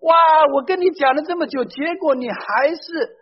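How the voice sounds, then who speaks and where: A man's voice: very high-pitched, normal speed. A man preaching a sermon, speaking emphatically, putting questions straight to his listeners and mixing in English phrases. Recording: dull lo-fi recording.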